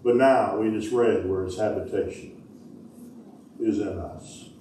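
A middle-aged man preaching as pastor, calling out to his congregation and shouting with fervor. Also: on the low side, measured pace, far from the mic, slight background noise. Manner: fervent preaching, calls out to the congregation, shouts "woo". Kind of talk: sermon. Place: church sanctuary, indoors. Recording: echoey church hall from afar. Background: congregation responding.

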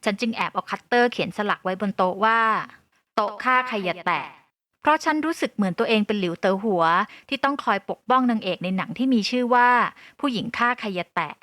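A woman narrating an audio novel in the first person, with a steady, scripted delivery on a close mic. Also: medium pitch, fast, hardly any pauses, no room sound.

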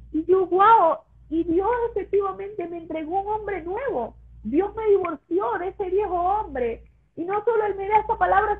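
A woman giving an emotional religious testimony to a pastor, her voice rising high when she is moved. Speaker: guest sharing her testimony. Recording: tinny phone-like line.

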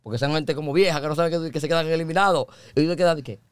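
Young dominican comedian guy talking fast slang, voice a bit high. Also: smooth, dry recording. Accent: Dominican Spanish. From Dominican Republic. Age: young adult. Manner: slangy, rapid, acts out voices in his stories. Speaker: comedian guest. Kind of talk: casual interview chat.

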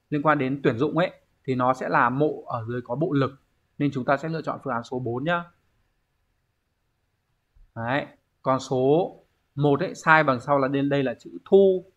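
A man's voice: on the high side, a bit bright. Guy teaching an online class, keeps checking the students follow, kinda dull lo-fi audio. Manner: explanatory, checks in with students often. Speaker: Japanese teacher. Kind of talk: online exam review lesson. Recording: dull lo-fi recording.

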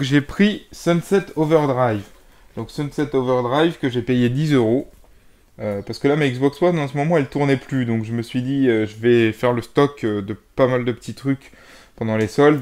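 A man's voice: medium pitch, a little mellow. A young man showing off his game purchases to camera in a casual video, rambling with many fillers while he moves boxes around. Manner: rambling, hesitant, lots of fillers; moving around handling boxes while talking. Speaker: gaming vlogger. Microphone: camera mic.

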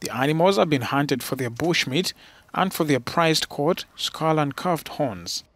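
A man's voice: fairly high pitch, lively intonation, unhurried, fairly bright tone, no echo. A man reading scripted nature documentary-style narration as a news reporter.

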